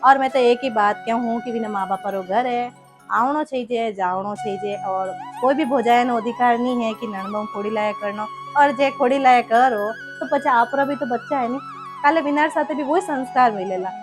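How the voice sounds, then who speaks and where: A woman's voice: a little high, moderate pace, music in the background. A woman with a Marwari accent hosting a comedy video, chatting to viewers and spelling out the lesson of the story. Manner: didactic, chatty. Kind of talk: addressing viewers, moral outro.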